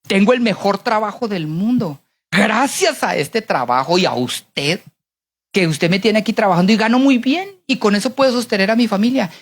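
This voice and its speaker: A woman's voice: mid-range voice, moderate pace, natural voice. A woman playing a cheerful grateful servant.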